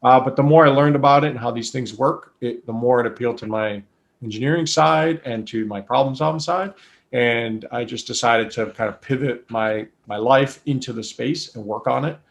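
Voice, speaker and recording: A gravelly-voiced man in his forties, an engineer born in Colombia and raised in New England, speaks at medium pitch and normal speed as a guest in a casual interview. He talks through his career thoughtfully and methodically, frequently restarting and using fillers.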